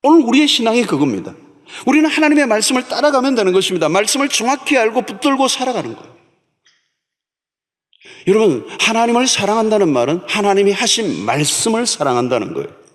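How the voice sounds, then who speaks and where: A man's voice: high-pitched, big pitch swings, fast talker. A man preaching a sermon as pastor, emphatic and repeating key words for stress. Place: large church sanctuary. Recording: long church hall reverb.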